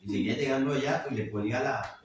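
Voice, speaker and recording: A man's voice: medium pitch, quick pace, slight background noise. A man preaching a sermon in a church, from Colombia, often checking with the congregation by asking "right?". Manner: frequent questioning "¿sí?" to congregation. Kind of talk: sermon with personal story. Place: church hall. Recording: echoey church hall from far off.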